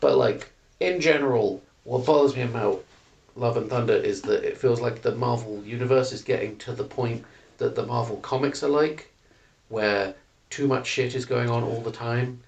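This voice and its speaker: A man's voice: mid-range voice, moderate pace, creaky, a little mellow. Guy ranting casually about films, laughs a lot, sounds kinda far from the mic. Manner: laughs often, opinionated. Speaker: podcast co-host. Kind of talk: casual chat.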